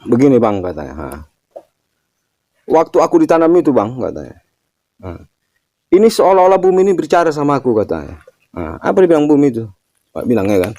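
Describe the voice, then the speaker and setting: An older man talks through a spiritual lesson in a relaxed storytelling way, tagging his phrases as he goes. His pitch moves a lot, and the tone is mellow and dark. The sound is dry and close. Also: a little fast, pauses often, no room sound. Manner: storytelling, ends phrases with "kan gitu". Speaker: religious teacher answering a question. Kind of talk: casual spiritual talk.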